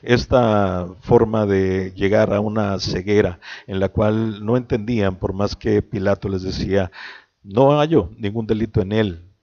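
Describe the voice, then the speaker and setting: A man preaching a sermon, reading a long scripture passage aloud and then reflecting on it slowly. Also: on the low side, a little mellow, muffled recording. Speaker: pastor.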